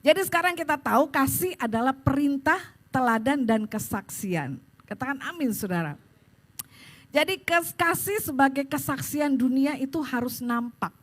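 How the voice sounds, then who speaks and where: A woman's voice: high-pitched, moderate pace. A woman pastor preaching a sermon at a church service, telling stories and speaking straight to the congregation. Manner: animated storytelling, addresses the congregation directly.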